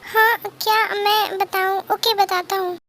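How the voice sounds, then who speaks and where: A woman's voice: very high voice, little pitch movement, a little slow, a bit bright, a little hiss or hum. A woman voicing a protective, jealous young man in a fan-dub love story, pleading and scolding. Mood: wistful.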